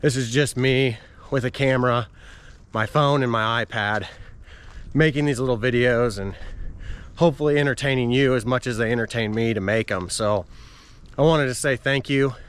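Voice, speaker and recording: A man with a clear, resonant, mid-range voice talks casually to the camera while out walking outdoors. He is a running vlogger and hosts the channel, chatting with his viewers.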